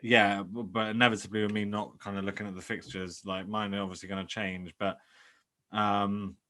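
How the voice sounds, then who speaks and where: A man chatting casually as a podcast host. His voice sits on the low side but has a bright, forceful edge. He talks in halting bursts, full of fillers and restarts. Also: flat delivery. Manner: hesitant, many fillers and restarts.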